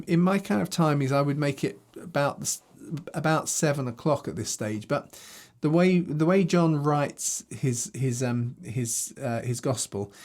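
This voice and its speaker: A man with a medium-pitched, slightly mellow voice reads scripture aloud and teaches from it, self-recorded on a video camera. He is a Bible teacher who speaks conversationally, thinking aloud and restarting as he goes.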